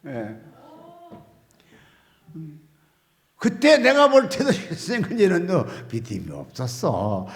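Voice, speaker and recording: An older man, a pastor, preaching an animated storytelling sermon in a church, swinging between shouts and low asides. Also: takes it slowly, gravelly, long pauses. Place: church sanctuary. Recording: church hall with long reverb.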